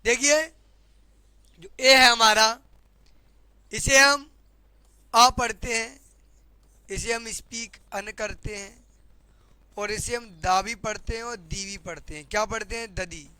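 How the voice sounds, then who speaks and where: A man's voice: extremely high pitch, fairly even intonation, slow pace, pauses often, pushed and bright, clean tone, dry recording. A man with a Hindi accent teaching English grammar in a classroom lesson, often repeating questions to his students.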